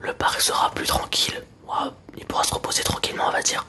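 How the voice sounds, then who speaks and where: Man whispering softly in hushed ASMR style. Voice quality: soft, breathy whisper. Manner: hushed library whisper, hesitant and unhurried. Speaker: ASMR video creator. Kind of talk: whispered ASMR, casual chat.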